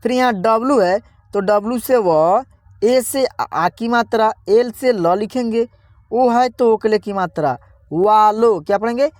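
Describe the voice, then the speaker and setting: A man with a rather high voice leads an online lesson for beginners. He spells words out piece by piece in a patient, repetitive way and keeps quizzing his viewers. The sound is dry and close, with no room echo. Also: measured pace, darkish tone. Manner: friendly, addresses viewers as friends. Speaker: English teacher.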